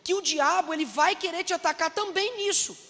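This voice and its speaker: A Brazilian man delivers a sermon in a very high, bright and cutting voice. He speaks with animation and puts on the voices of the people he quotes. The sound carries a long reverb, like an echoing church hall. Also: brisk. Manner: animated, acts out quoted voices, addresses listeners as brothers. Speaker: preacher.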